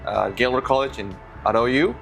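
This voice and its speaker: A man's voice: medium pitch, a little fast, creaky. Man, friendly, casual chat, faint background music. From Venezuela. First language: Spanish. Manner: friendly, easygoing, repeats words while thinking. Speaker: co-host.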